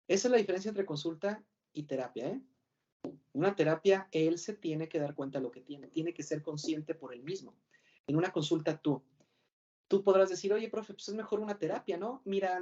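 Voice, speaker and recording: A Mexican-accented man plays the professor in a mock lecture, with a dark, mellow tone. He rambles and stumbles over his own words, then throws rhetorical questions at the class. The recording sounds dull and lo-fi. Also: fairly high pitch. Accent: Mexican Spanish.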